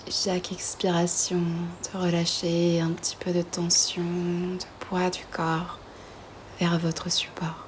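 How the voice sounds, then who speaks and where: With a soft, breathy near-whisper, a woman gently and soothingly leads yoga nidra, pausing long between phrases. Her fairly low voice stays monotone, and slight background noise sits behind it.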